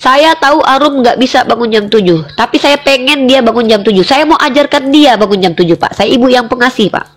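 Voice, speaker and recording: Emphatic high-voiced woman debating. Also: a little fast, hardly any pauses. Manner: emphatic, challenging, rhetorical questions; repeatedly addresses the other man directly. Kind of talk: heated religious debate.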